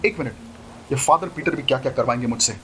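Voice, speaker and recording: A man's voice: medium pitch, fast talker, a bit bright, slight background noise, lightly acted. A man voicing an easygoing young man who teases and jokes in an offhand manner. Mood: teasing. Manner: teasing, joking, offhand.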